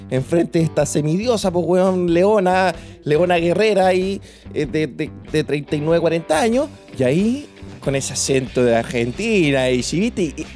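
A man's voice: on the high side, warm tone. A young Chilean man hosting a podcast, telling a personal story in a crude, rambling way full of slang, repeats and restarts. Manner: repeats words and restarts often. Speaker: podcast host.

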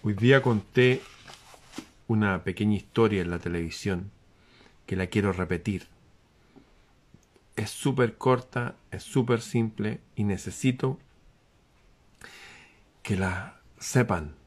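A man giving a lively spiritual talk to an audience, asking rhetorical questions and dropping suddenly to a hush. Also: fairly low pitch, takes it slowly, pauses often. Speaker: motivational speaker.

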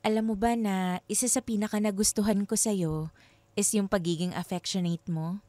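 A woman's voice: mid-range voice, fairly even intonation, moderate pace, warm tone, no echo, natural voice. An actress in her twenties playing a young woman bantering fondly with her boyfriend in a radio drama. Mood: playful. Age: 20s. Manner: light, bantering.

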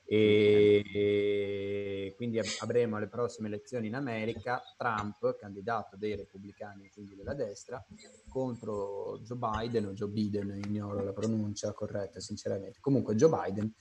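A man's voice: on the low side, flat delivery, normal speed, a little mellow, slight background noise. A man explaining things in a casual discussion over a video call, hedging as he goes.

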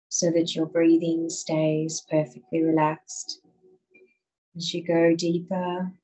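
A woman guiding a listener through muscle relaxation in a slow, soothing voice. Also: low-pitched, dark tone, slightly rough, rough recording. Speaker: relaxation guide. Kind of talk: guided relaxation.

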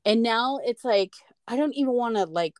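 Expressive and fairly high-pitched, an American woman talks at normal speed on the podcast she co-hosts, recorded without echo. Her casual chatter is rambling and emphatic, laced with free swearing.

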